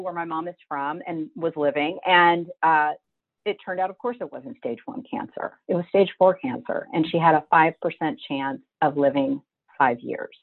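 Middle-aged woman over a tinny line. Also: deep voice. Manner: vivid, emotional storyteller who acts out her own past thoughts. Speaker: guest telling her life story. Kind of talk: personal storytelling.

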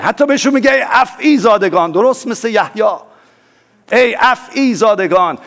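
Man, pastor, sermon, high voice, emphatic then hushed, asks the congregation for replies. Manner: animated preaching, swings from loud emphasis to soft low asides.

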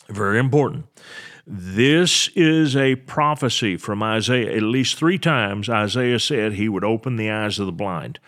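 An older man, a pastor, teaching a sermon and explaining Bible verses, slowing down to stress key words. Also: lowish voice, fairly bright tone.

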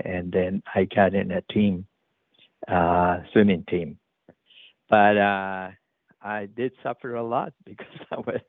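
A middle-aged Chilean man, a native Spanish speaker, talks through an interview answer with a deep, gravelly voice. He stops and starts often, filling the gaps with uh and um. The sound is dry and narrow, like a phone line. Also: no echo. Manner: halting, many fillers and restarts, laughs easily. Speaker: open water swim coach.

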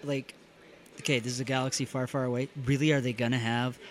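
A man's voice: mid-range voice, level tone, fast. Chatty man reviewing a game. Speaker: podcast panelist. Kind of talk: casual review chat.

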